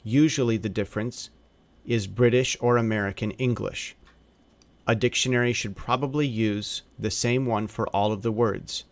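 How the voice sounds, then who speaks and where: A man teaching phonics and spelling in a slow narration, sounding out letters and vowel sounds one by one. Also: fairly low pitch, steady tone, dry recording.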